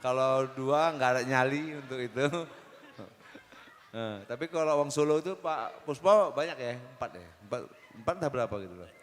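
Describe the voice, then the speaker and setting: A man in his forties, a talk show guest who talks in a relaxed, joking, rambling way. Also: mid-range voice, fairly quick, a little hiss or hum. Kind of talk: casual talk show conversation. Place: mosque hall. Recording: long hall reverb.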